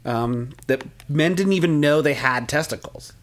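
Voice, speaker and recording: On a casual podcast, a male co-host with a fairly high-pitched voice rambles and jokes at normal speed, sometimes mimicking movie lines in a mocking way.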